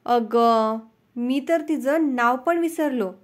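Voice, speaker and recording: A woman voicing a henpecked husband in a joke, speaking a little lower than her narration, with nervous, sheepish replies. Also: slow pace. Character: exasperated henpecked husband, adult man.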